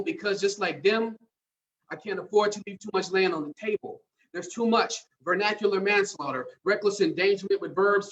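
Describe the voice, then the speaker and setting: A man with a high voice performs spoken word poetry, recorded a little way from the mic. He speaks in a measured, emphatic way as an open mic poet. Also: fairly bright tone, highs cut off. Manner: measured, emphatic, wordplay-driven delivery. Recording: distant mic at live event.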